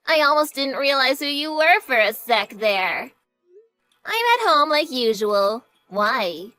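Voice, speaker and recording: Brief: a woman voicing a defensive, scoffing younger sister in a drama story, fairly high voice over faint music. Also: expressive, takes it slowly, pushed and bright, full character voice. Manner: snarky, dismissive. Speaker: sister of the main character. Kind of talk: voice acting in a narrated drama story.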